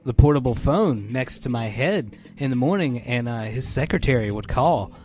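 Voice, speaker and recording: Giovane comico ospite, tono autoironico. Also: male voice, mid-range voice, lively intonation, moderate pace, a little mellow. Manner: self-deprecating, rambling with restarts. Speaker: comedian guest. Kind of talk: casual radio banter.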